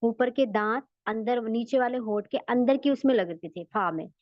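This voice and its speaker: A woman teaching a tajweed lesson online, patiently repeating letter sounds slowly to demonstrate. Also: a little high, no room sound, lo-fi sound. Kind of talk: online Quran recitation lesson.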